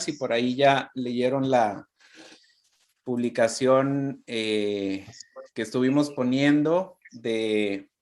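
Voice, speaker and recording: A man from Mexico hosting a live-streamed interview, greeting viewers and prompting his guest in a friendly way. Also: medium pitch. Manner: friendly, warm welcomes, restarts often. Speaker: interview host.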